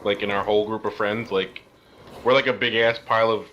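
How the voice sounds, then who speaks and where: A man's voice: lowish voice, steady tone, fairly quick, fairly bright tone, lo-fi sound, a little hiss or hum. A man in casual voice chat, teasing his friends and trailing off into mumbles.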